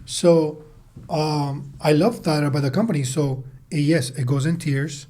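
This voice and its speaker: A podcast guest in his thirties, who leads a sales team and runs his own business, speaks a little slowly in a steady, mellow, rather high voice. He answers conversationally, with emphatic delivery and repeated words for stress.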